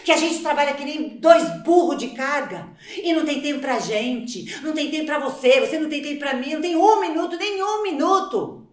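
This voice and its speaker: An actress playing an overworked, exasperated housewife on a theater stage, swinging from hushed pleading to shrill outbursts. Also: female voice, sing-song, moderate pace, reverberant. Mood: indignant. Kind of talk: live stage theater acting.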